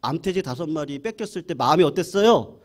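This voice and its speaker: A man voicing a calm, patient older male country pastor who speaks gently and persuasively. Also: on the high side, brisk, natural voice. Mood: gentle.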